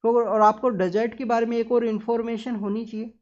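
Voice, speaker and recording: A woman's voice: fairly high pitch, flat delivery, fairly quick, a little mellow. A woman teacher giving a newspaper analysis lesson, talking straight to her students and explaining step by step with English terms mixed in. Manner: lecturing, often addresses students directly. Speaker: exam-prep teacher. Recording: slightly dull, muffled recording.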